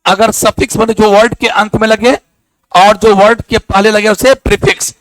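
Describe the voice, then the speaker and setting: High-voiced, lively teacher. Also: male voice, moderate pace, no echo. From Bihar, India. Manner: animated storytelling, acts out dialogue in local dialect. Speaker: biology teacher. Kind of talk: classroom lecture with anecdotes.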